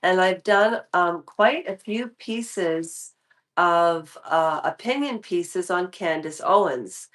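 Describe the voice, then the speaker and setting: A woman in her fifties chats casually with viewers in her YouTube commentary vlog. Her voice is on the low side and slow, and she rambles, restarting sentences and trailing off mid-thought.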